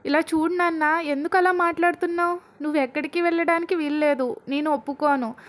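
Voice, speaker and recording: A woman's voice: high-pitched, steady tone, brisk, voice pushed up, close to an everyday voice. A woman voicing an anxious, possessive middle-aged aunt who pleads and questions in alarm. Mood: alarmed pleading.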